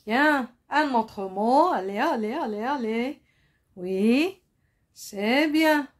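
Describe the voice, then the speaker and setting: A woman French teacher, drilling vocabulary slowly and asking pupils to repeat, sometimes explaining in Arabic. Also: fairly high pitch, animated. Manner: switches into Moroccan Arabic to explain. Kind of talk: slow classroom-style lesson.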